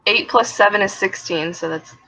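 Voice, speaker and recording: A woman's voice: medium pitch, moderate pace, bright, forceful tone. A woman playing in a tabletop game, hesitant and thinking aloud, now and then swearing, on a dull lo-fi recording. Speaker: player. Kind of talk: casual game talk.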